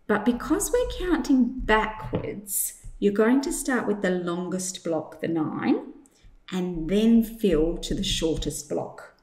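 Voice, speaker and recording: A woman teacher leading an instructional lesson for young children, enunciating clearly and guiding with simple questions. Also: mid-range voice, expressive, takes it slowly, darkish tone. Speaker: teacher presenting a maths activity. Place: indoors in a room, demonstrating at a tabletop. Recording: echoey room.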